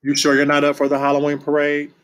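A man reading as a soft-spoken teenage big sister. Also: a little high, monotone, fast talker, clear, resonant tone, close to an everyday voice. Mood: coaxing. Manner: soft, coaxing. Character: gentle, protective teenage older sister.

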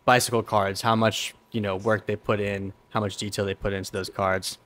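A man's voice: lowish voice, little pitch movement, moderate pace, a bit bright, a little hiss or hum. A young man hosting a podcast interview, upbeat and welcoming. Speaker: podcast host. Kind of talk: casual interview. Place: small studio. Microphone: headset and studio mic.

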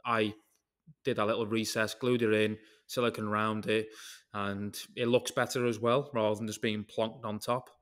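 A British man with a somewhat low voice talks in a relaxed podcast chat. He rambles from one tangent to the next, swears casually, and keeps his stories loose and conversational. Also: normal speed. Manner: rambling storyteller who jumps between tangents and swears casually. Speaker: podcast guest, concrete craftsman.

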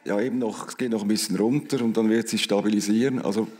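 A man's voice: lowish voice, steady tone, fast talker, darkish tone. Swiss prof guy on a panel, punchy and a bit wry, echoey hall. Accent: Swiss German. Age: middle-aged. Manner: emphatic, wry, repeats words. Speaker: history professor on a panel. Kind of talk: panel discussion. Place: large hall stage, seated in armchair. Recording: long hall reverb.

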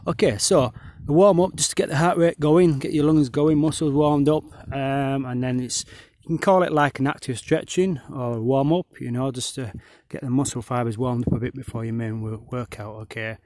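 A man's voice: mid-range voice, fairly even intonation, normal speed, few pauses, darkish tone, no echo. A man who pronounces his R's as W's, giving casual exercise instructions as a fitness instructor. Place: outdoors on an open grassy hillside.

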